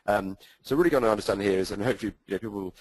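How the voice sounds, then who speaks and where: A man's voice: on the low side, racing, no echo, low-quality recording. A man with a British accent moderating a webinar panel, talking with many hesitations and fillers.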